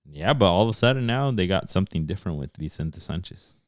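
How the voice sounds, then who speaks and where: A man with a very low voice talks soccer in a relaxed, casual way, slipping between English and Spanish. The sound is dry and close to the mic. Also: fast talker, no room sound. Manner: laid-back, mixes English and Spanish. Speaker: podcast co-host. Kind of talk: casual sports chat.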